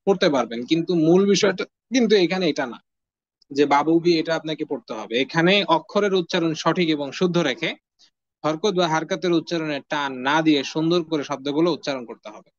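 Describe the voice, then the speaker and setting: A man teaching the Arabic alphabet in an online lesson, patiently drilling letter sounds with steady repetition. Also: a little high, a little fast. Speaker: Quran reading teacher. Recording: dull lo-fi audio.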